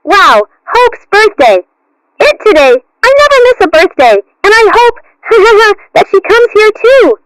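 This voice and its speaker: Very squeaky, childish clown kitten. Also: female voice, very animated, unhurried, a bit bright, dry recording, heavily acted, low-quality recording. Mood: friendly, earnest. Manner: bubbly children's-show presenter patter. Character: childish, cheerful female clown kitten party entertainer. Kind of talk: cartoon character acting.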